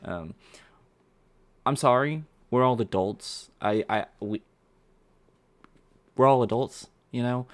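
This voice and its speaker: A man's voice: medium pitch, takes it slowly, pauses often, no room sound. A man streaming live, reacting to a clip with a profane, rambling rant full of fillers and restarts.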